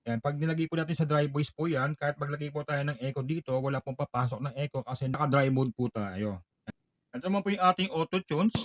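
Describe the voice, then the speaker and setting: A man giving a product walkthrough tutorial, polite and explanatory, pausing now and then on fillers. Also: on the high side, no room sound. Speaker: product demonstrator.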